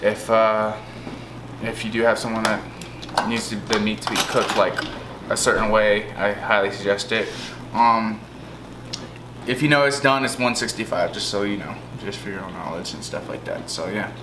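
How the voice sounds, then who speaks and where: A man's voice: fairly low pitch, moderate pace, background noise. A man walks viewers through a home recipe in loose, rambling talk, circling back to the same points. His voice rings in a roomy, echoing kitchen, with cutlery and pans clattering around him. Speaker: co-host of a family cooking channel. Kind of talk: casual cooking demo chat. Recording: echoey kitchen with clattering dishes.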